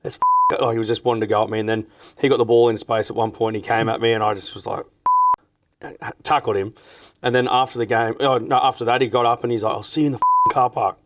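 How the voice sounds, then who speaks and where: A man hosting a casual podcast, trading quick, laughing banter and stories. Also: medium pitch, little pitch movement, recorded from a distance. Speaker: podcast host. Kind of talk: casual chat.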